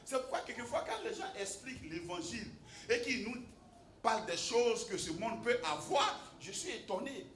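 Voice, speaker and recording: High, lively preaching man. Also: moderate pace, roomy sound, a little hiss or hum. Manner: swings between shouted emphasis and quiet storytelling; repeats a refrain. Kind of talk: sermon.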